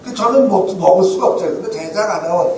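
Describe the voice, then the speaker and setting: A man's voice: sits high, quick pace, a little hiss or hum. A man in his seventies, a guest author animatedly telling stories at a book talk. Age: 70s. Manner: animated anecdotes, acts out quoted dialogue. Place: event hall. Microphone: room recording from the audience. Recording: echoey hall recorded from far off.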